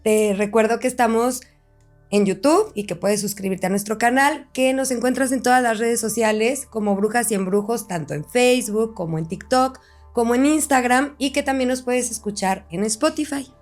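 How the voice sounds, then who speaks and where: A woman's voice: fairly high pitch, moderate pace, soft background music. A woman hosting a casual podcast, friendly and promotional, with many fillers. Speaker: podcast host.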